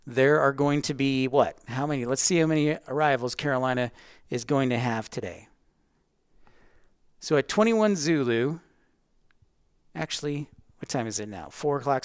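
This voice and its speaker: In studio-quality audio without room sound, a male livestream host with a medium-pitched, clean voice explains plane-spotting tools step by step, chatting informally and directly with his viewers.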